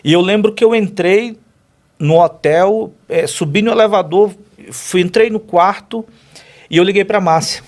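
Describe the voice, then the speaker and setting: Speaking at a measured pace in a high-pitched voice with a darkish tone, a man who is a pastor shares his personal testimony as an interview guest. He is earnest and emotional and addresses the host directly.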